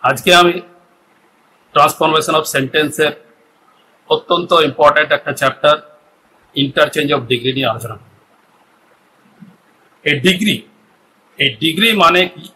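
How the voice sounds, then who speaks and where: Bright-voiced Bengali-accented grammar teacher. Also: male voice, a little high, unhurried, pauses often, slight background noise, poor audio. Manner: explains step by step, often asks "ঠিক আছে?". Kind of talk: video grammar lesson.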